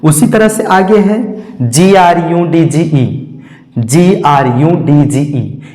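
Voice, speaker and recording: A man's voice: fairly high pitch, a little mellow. Man, Hindi accent, teacher, spells words letter by letter, long reverb in a hall-like room. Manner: slow, repeats each rule and spells words letter by letter. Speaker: English teacher. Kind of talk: classroom lesson. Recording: echoey classroom with long reverb.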